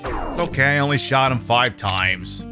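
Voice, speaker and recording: A man's voice: medium pitch, normal speed, music in the background. A man hosting a casual game livestream with joking, sarcastic, sweary commentary. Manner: sarcastic, profane. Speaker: game streamer, host.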